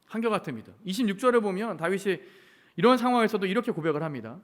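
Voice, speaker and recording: A man's voice: high-pitched, animated, racing. A man preaching as a pastor at a midweek prayer service, telling a story with acted quotes and rhetorical questions. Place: church.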